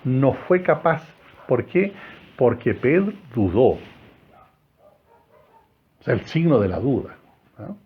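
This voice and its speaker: A man's voice: mid-range voice, sing-song, slow pace, pauses often, husky, phone-quality sound. A male priest with a Chilean accent preaching a homily in a chapel, talking conversationally and asking the congregation questions. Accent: Chilean Spanish.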